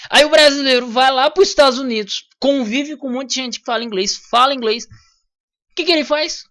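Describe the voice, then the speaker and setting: Hosting a channel, a man from Brazil delivers an offhand opinion piece in a Brazilian Portuguese accent, talking bluntly with slang and plenty of cursing. His voice is extremely high, bright, and forceful, at a normal speed.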